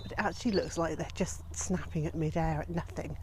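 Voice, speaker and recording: A woman in her fifties narrates a casual homestead vlog outdoors beside her chicken pens. She talks in a chatty, gently amused way, at an ordinary middle pitch, with faint outdoor noise around her. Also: fairly even intonation, fairly quick. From Wales. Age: 50s. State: out of breath. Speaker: homesteading vlogger.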